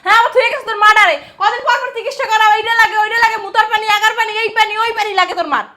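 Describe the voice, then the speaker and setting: A woman's voice: fairly even intonation, very fast, sharp tone. A woman playing a spiteful sister-in-law who berates and mocks her husband's younger brother. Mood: berating. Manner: shrill, berating, mocking. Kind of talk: amateur family drama acting.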